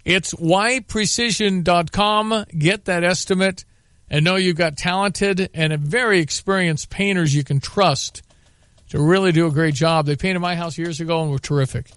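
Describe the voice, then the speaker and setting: Male local radio host, live reads, high voice, dry close studio sound. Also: normal speed, fairly bright tone, clear, resonant tone, dry recording.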